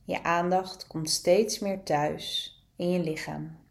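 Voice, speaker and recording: A woman leads a guided meditation in a calm, soothing voice. Her voice sits low, and she moves at an unhurried pace, letting long pauses open up between each gentle instruction. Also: gravelly.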